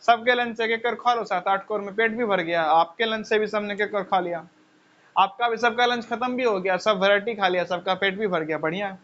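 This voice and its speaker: High, bright-voiced man teaching. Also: fairly quick, slight background noise. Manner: conversational, rhetorical questions, repeats phrases. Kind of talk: lecture with personal stories. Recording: dull lo-fi sound.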